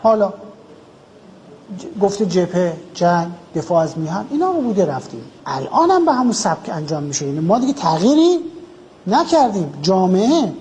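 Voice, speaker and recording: Earnest man, lively mellow voice. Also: high-pitched, slight background noise, poor audio. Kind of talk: casual reflective talk.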